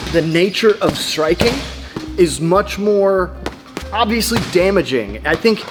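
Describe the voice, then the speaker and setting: Playful young man hosting a vlog. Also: high voice. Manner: playful, joking, quick asides. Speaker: video host. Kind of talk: casual vlog narration.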